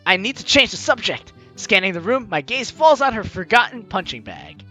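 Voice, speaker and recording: This let's play host is a man whose voice is bright and forceful, heard over the game's music. Reading the story text aloud, he keeps breaking off into playful, exclamatory remarks with big, theatrical pitch swings, all at a normal speed.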